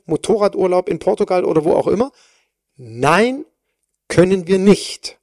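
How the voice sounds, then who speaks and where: A woman's voice: on the low side, gravelly, darkish tone, no echo, studio quality. A woman hosting a solo podcast, speaking as a personal trainer in an emphatic way, stressing and repeating words.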